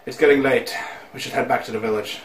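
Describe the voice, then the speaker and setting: A man voicing a solemn grown man from a village, reading game dialogue in a hushed, slow way, recorded on a phone camera in a room. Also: medium pitch, steady tone, roomy sound, a little hiss or hum, lightly acted.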